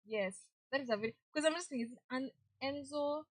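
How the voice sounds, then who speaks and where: A woman's voice: high-pitched, quick pace, no echo, poor audio. A young Kenyan woman co-hosting a radio show, chatting casually and mixing in Swahili slang. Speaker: radio co-host. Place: radio studio.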